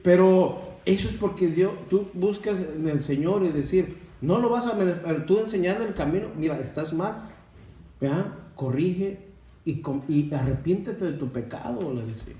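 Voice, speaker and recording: A man delivers a sermon-style testimony, preachy and full of rhetorical questions to his brothers. His voice is mellow and a touch high. He sounds far from the mic in an echoey room with faint background ambience. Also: normal speed. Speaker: church member giving testimony.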